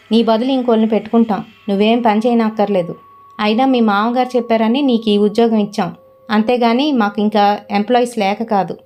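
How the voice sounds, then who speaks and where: A woman's voice: fairly high pitch, warm tone, close to an everyday voice. Woman doing an angry male boss, threatening, scolding.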